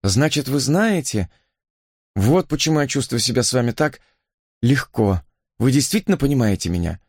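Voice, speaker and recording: A man reading an audiobook voices a shy, scarred young woman who speaks softly and earnestly. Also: medium pitch, lively intonation, moderate pace, no room sound, studio quality, natural voice. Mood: relieved. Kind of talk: audiobook character voice.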